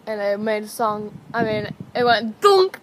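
Outdoors on a house patio, a teenage young woman hosts a challenge vlog, chatting casually while stifled giggles break in. Her medium-pitched voice is animated at a measured pace, picked up by a camera mic at table distance in a noisy outdoor recording.

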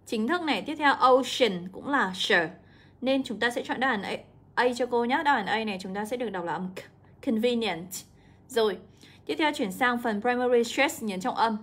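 A young woman, an English teacher walking students through an exam, drawing out example words slowly. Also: on the high side, a bit bright. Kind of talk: exam walkthrough lesson.

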